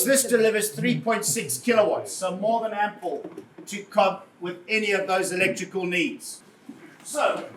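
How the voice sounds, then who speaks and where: In a showroom or event space, a jovial man presents a car live to an audience, calling them "folks" and joking with the crowd. His voice sits high and a bit bright, with a little hiss or hum. The room is echoey, so he sounds far off, with faint ambience around him.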